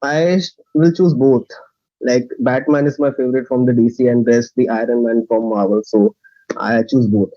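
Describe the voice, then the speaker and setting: A male contestant introducing himself on a video call, hesitant with many pauses. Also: mid-range voice, steady tone, dark tone, dry recording. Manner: hesitant, lots of uhs. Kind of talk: casual self-introduction. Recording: dull dry lo-fi call audio.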